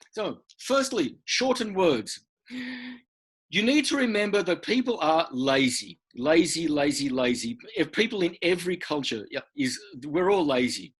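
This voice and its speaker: A man's voice: on the high side, fairly bright tone, breathy edge. A man teaching an online workshop, patiently explaining and repeating words for emphasis, heard over a video call. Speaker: English teacher.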